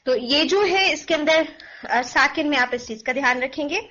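Teaching recitation pronunciation online, a woman speaks in a high-pitched, pushed, bright voice and patiently stretches sounds for demonstration. Her throat is sore and she clears it often, and the lo-fi recording comes across dull.

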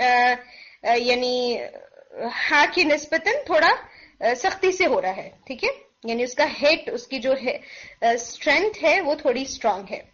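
A woman's voice: sits high, fairly bright tone. A woman teaching recitation pronunciation, patient, drawing out sounds to demonstrate, with a sore throat. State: sore throat, clearing it often. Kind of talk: online pronunciation lesson. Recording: dull lo-fi recording.

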